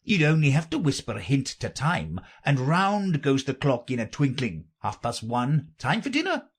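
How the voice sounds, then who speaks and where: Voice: medium pitch, wildly swooping pitch, normal speed, breathy edge, voice pushed up. A reader voicing an eccentric, mournful and argumentative storybook man who explains himself in a theatrical, insistent manner. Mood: excitable.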